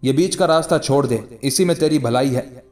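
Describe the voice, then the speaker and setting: A man's voice: mid-range voice, moderate pace, darkish tone, natural voice. A man reading as a defiant, mocking ascetic.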